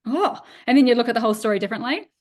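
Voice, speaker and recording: A woman's voice: fairly high pitch, animated, rapid-fire. A woman in her thirties with a New Zealand accent, an author talking casually on a video call, rambling and hesitant with many restarts. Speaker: author guest. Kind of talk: casual interview chat. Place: home.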